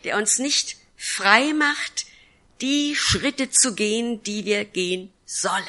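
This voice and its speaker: A woman's voice: medium pitch, animated, slow pace, bright, forceful tone. A woman pastor giving an earnest sermon testimony, telling her story and acting out the lines of the people in it. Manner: earnest storytelling with acted-out quotes.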